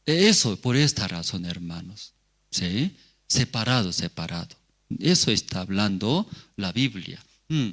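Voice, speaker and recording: A man's voice: on the low side, sing-song, a little slow, a bit bright. A male pastor giving a sermon, asking the congregation rhetorical questions and repeating key words.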